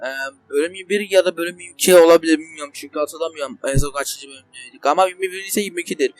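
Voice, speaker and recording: High-voiced young man ranting over gameplay. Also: rapid-fire, soft background music. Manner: rambling, swears and rants at the game in frustration. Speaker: gaming channel host. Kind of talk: casual let's play commentary. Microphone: desk microphone.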